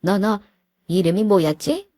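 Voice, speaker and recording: A woman voicing a domineering, sharp-tongued older mother-in-law who sneers and drags out her scolding words. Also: medium pitch, unhurried, no echo, clean studio sound, voice pushed up, close to an everyday voice. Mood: scornful.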